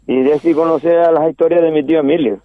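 A man's voice: a little high, steady tone, fast, crowd noise. An older man with a Canarian Spanish accent, calling in to a radio chat and rambling through old memories with many restarts. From Canary Islands. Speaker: caller. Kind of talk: casual radio phone chat. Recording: tinny phone line.

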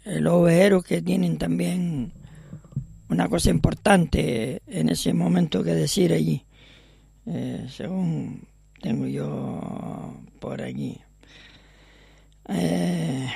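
A man's voice: a little high, takes it slowly, gravelly, pauses often, a little mellow, slightly rough, no room sound. A man hosting a local radio show in a chatty, rambling way, with joking asides. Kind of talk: casual radio chat.

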